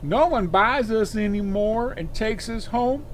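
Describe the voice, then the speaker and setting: In an audio drama, a man plays a wistful, huggable stuffed bear come to life, sounding folksy and childlike with a mood of plaintive longing. His voice sits high and expressive at a measured pace, in cartoonish acting with a little hiss or hum.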